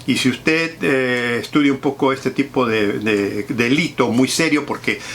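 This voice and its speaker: Guy hosting a solo commentary show, formal with viewers, lots of ums and restarts, mid-pitched voice. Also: fairly bright tone, slight background noise. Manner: formal address to viewers, halting with frequent fillers and repeats. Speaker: host.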